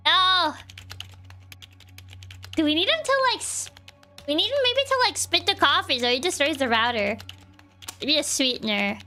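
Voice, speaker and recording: A woman's voice: high-pitched, expressive, normal speed, pauses often, sharp tone, faint music behind. A woman streaming a game, casually and playfully thinking aloud and talking to the game as she plays. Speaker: gaming streamer. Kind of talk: casual commentary while playing a game.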